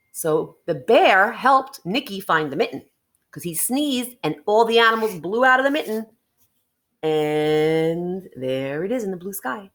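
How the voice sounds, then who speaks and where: A woman whose voice leans high reads a picture book to children, full of expression. She draws out words for emphasis and keeps pausing to chat and ask the young listeners questions.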